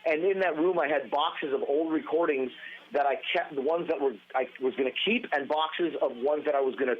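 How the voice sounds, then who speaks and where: A man in his forties or older, a podcast guest telling a long story in a lively, rambling way. His sentences often stop and restart. His voice sits a little high and comes through a thin, phone-like line. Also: a little fast, a little hiss or hum. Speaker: podcast guest, former band guitarist. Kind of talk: casual storytelling interview. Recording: tinny phone-line sound.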